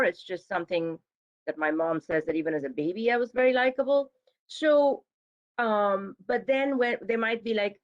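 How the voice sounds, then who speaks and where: Woman psychiatrist on a dull video call. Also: mid-range voice. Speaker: psychiatrist on a panel. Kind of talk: professional panel discussion.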